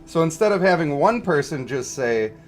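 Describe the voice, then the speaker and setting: Very animated and fairly high-pitched, this man moves at a moderate pace while hosting a game livestream with background music. He chats casually through viewer comments, explaining his views and seeking agreement.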